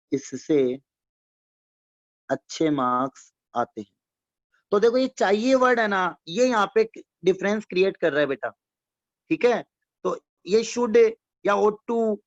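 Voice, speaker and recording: A man's voice: high-pitched, fairly bright tone. A man teaching an economics lesson who explains by repetition and keeps quizzing his listeners with check-in questions, addressing them fondly as his students. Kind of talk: classroom-style lecture. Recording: dull lo-fi dry recording.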